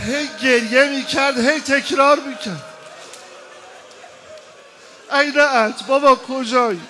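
A man preaching a mourning sermon, moving from hushed storytelling to loud wailing shouts and chanted lines. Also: very high-pitched, a little hiss or hum.

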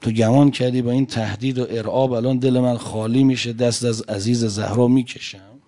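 Telling a story during a religious sermon, this preacher speaks straight to his audience, alternating booming emphasis with softer passages. His voice sits in the mid range, and his intonation stays fairly even.

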